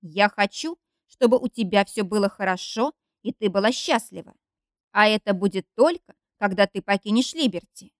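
A woman's voice: mid-range voice, animated, moderate pace, no echo, clean studio sound, natural voice. A woman reading an audiobook, voicing a young man who speaks firmly and sounds fed up. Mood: firm, weary. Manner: firm, stern and tired.

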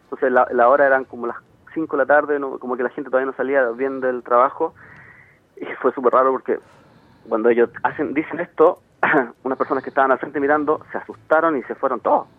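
A man with a Chilean accent, a radio interview guest speaking by phone, giving a rapid retelling full of quoted dialogue. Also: mid-range voice, steady tone, dry recording. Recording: tinny phone line, dry.

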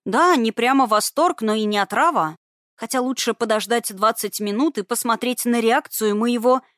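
A woman narrator plays a naive, flustered young student in an audiobook, eager and clumsy. The voice sits clearly higher than the narration and comes out earnest and hurried. The recording is dry and close. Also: fairly bright tone, no room sound, natural voice. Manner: earnest, hasty, a bit frightened. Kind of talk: audiobook character voice.

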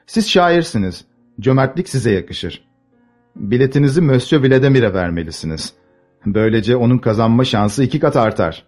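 A man's voice: medium pitch, expressive, normal speed, a little mellow, soft background music, natural voice. A man voicing a playful, commanding young princess in an audiobook, coaxing and imperious.

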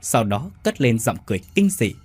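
A male storyteller reading a ghost story with a lively, rising and falling delivery. His voice is slightly husky, recorded close and dry, with faint music underneath. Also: mid-range voice, a little fast. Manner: dramatic, expressive reading.

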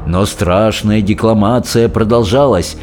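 A man narrating a storybook in an expressive, dramatic way. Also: on the low side, a little slow, faint music behind. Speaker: audiobook reader.

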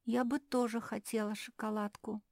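A woman voices a polite, considerate female character in a fairly high pitch, pitched above her own natural voice yet close to an everyday one. Her delivery is flat and moderately paced, a little mellow, in a dry, studio-quality recording.

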